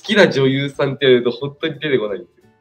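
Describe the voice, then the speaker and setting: A man's voice: mid-range voice, very fast. Teen guy fumbling for answers, shy and apologetic, faint music behind. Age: teens. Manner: hesitant, apologetic, laughs it off. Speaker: student guest. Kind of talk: casual chat.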